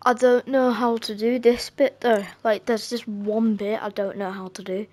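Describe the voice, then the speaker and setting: A woman's voice: on the high side, flat delivery, moderate pace, a little mellow, a little hiss or hum. A woman giving casual, jumpy commentary as she plays a horror game, taunting and swearing at it. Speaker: gamer playing a horror game.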